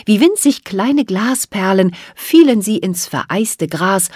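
A woman reads a children's storybook aloud, with a lively voice that swoops up and down for drama. The recording is close and dry, with no room sound. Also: mid-range voice, slow pace, slightly rough, dry recording. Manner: expressive, dramatic reading. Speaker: audiobook narrator. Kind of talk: storybook narration.

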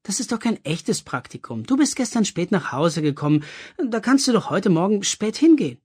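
A storybook reader voicing an indulgent middle-aged mother who gently coaxes her son, with a husky voice. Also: medium pitch, big pitch swings, moderate pace, voice pushed up. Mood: coaxing. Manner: soothing, coaxing.

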